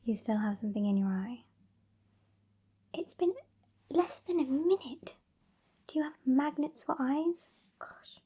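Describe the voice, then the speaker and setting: Playing a haughty old vampire with a British accent, a woman whispers breathily through an ASMR roleplay, scolding her fledgling with sassy, condescending exasperation and scorn. Her high voice is expressive and exaggerated, a little slow, with frequent pauses.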